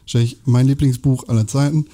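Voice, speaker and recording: A man's voice: mid-range voice, fairly even intonation, a little fast, mellow. A man chatting casually with friends, joking and reading passages from books aloud. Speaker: podcast co-host. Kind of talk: casual chat among friends.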